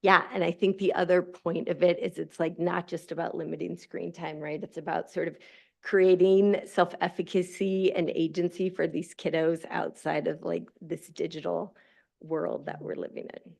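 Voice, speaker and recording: A nervous woman in her forties with a shaky voice, giving a halting public comment at a school board meeting, full of fillers and restarts. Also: fairly low pitch, flat delivery, creaky, darkish tone. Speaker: public commenter, social worker and mother.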